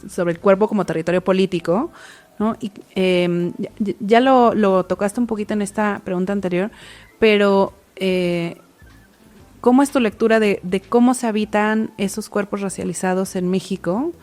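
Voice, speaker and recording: A woman's voice: medium pitch, moderate pace, darkish tone. A woman hosting a podcast, asking long, winding interview questions punctuated by tag questions.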